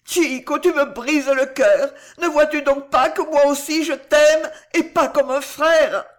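A woman's voice: animated, takes it slowly. A reader voicing a heartbroken young woman in a storybook who sobs, pleads and cries out. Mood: anguished. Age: young adult. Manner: high-pitched, tearful, crying out. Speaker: storybook heroine. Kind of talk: dramatic audiobook reading.

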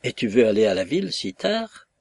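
A man's voice: lowish voice, very animated, a little fast, vocal fry, a little mellow, full character voice. A man doing an anxious noble lady. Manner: pleading, questioning. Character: anxious aristocratic lady, wife of a statesman.

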